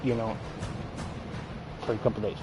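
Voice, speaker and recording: Over music and through rough audio, a gaming video creator speaks at a normal speed in a fairly low, level voice. His talk is casual, blunt and crude, heavy on profanity, delivered with a lip full of dipping tobacco.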